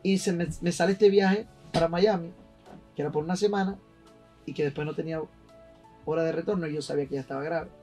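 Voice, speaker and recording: A man, a guest in an interview, telling an emotional personal story in an animated, slangy way. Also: on the high side, quick pace, far from the mic, faint music behind.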